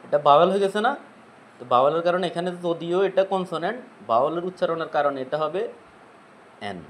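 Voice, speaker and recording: A man's voice: on the high side, quick pace, a little hiss or hum, rough recording. A man teaching English grammar in Bengali with a Bangladeshi accent, explaining step by step and often asking his students if they follow. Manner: asks checking questions, repeats points. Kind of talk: classroom explanation.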